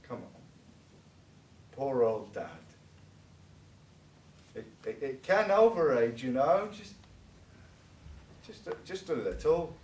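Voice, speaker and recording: A man's voice: mid-range voice, darkish tone, slight background noise. A man playing a bitter drunken old father on a college stage, rambling and stammering as he pleads and rails. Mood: wheedling. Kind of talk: stage play acting. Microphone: distant room microphone. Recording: echoey stage recorded from far off.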